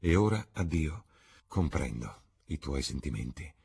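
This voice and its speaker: A man's voice: very deep voice, big pitch swings, unhurried, vocal fry, warm tone, slightly rough, heavily acted. A man reading the part of an earnest, melancholy painter in an audiobook, in a rueful tone.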